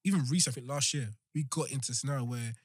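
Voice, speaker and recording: Husky, quick young London roadman. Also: mid-range voice, dry recording, studio quality. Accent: London, multicultural urban slang. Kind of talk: casual group chat.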